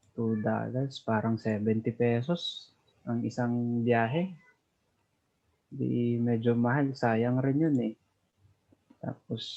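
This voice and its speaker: A man from the Philippines tells his stories slowly and easily, as a podcast guest. His voice sits at an ordinary middle pitch. The remote call audio sounds dull and lo-fi. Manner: unhurried, easygoing storytelling. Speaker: guest, overseas worker. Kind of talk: casual chat.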